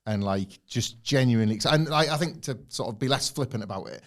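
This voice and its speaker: This wrestling podcast co-host is a fast-talking man with a medium-pitched, animated voice. He chats casually and excitedly, spinning long, meandering takes.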